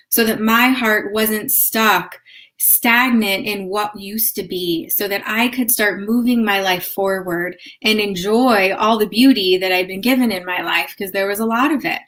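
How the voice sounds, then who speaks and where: A middle-aged woman with a bright, forward voice tells a personal story. She speaks earnestly and with deep feeling, as the host of a spiritual live stream. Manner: earnest, emotional, heartfelt.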